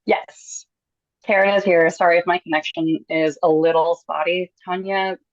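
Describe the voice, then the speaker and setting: A woman giving a businesslike meeting update over a video call, with a spotty, breaking-up connection and frequent "um" pauses. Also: on the low side, fairly even intonation, no room sound. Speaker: conservation district staff giving an update. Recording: dry, muffled video call audio.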